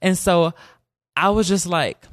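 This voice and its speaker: A man's voice: high voice, takes it slowly, a bit bright, dry recording, clean studio sound. A young man from South Carolina, telling a personal story in a casual, joking way and acting out quotes. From South Carolina, USA. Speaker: storyteller guest.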